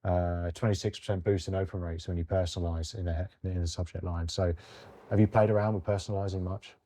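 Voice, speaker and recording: A man's voice: deep voice, fairly even intonation, quick pace, warm tone. A young man co-hosting a casual podcast, chatty and easygoing, often tagging his points with "right?". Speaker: podcast co-host.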